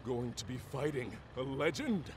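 An actor playing a hot-headed young king who stammers and gets excited about battle. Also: mid-range voice, normal speed, noisy background, close to an everyday voice. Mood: eager. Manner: stammering, then gleefully eager for battle.

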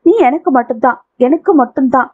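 Female reader voicing a menacing, possessive young lover; high, husky, lo-fi. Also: fairly quick. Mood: threatening. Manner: menacing, domineering. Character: possessive, violent young man in love. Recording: tinny phone-like audio.

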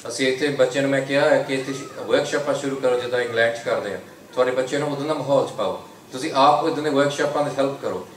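Man preaching in a roomy hall. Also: mid-range voice. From United Kingdom. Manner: exhorting, repeats slogans in English between Punjabi. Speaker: Sikh preacher. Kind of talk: religious lecture to a congregation. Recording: roomy hall from a distant mic with faint hiss.

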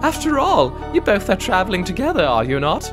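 A gentle, motherly goat queen from a game , put on by a man, speaks in a stately, formal way. Her voice glides high and low. Game music plays behind her. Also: huge pitch swings, fairly quick. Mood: kindly.

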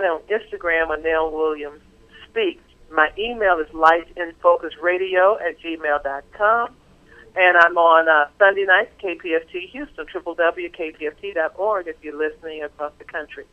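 A woman's voice: fairly low pitch, moderate pace. A woman speaking casually as a radio guest over a telephone line. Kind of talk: casual phone interview. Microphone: telephone call. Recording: tinny phone line.

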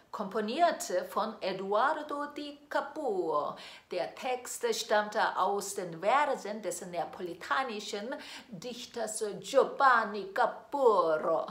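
A classical singer presents a song in slow storytelling to the viewer, speaking with a Korean accent in a lilting manner and asking the listener questions directly. Her voice is a little high and fairly bright, recorded in an echoey green-screen studio with faint music.

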